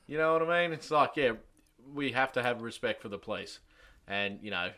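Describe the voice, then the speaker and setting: Blunt, bright-voiced Australian man, swearing freely. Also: mid-range voice, animated, a little fast. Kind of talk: casual chat, banter.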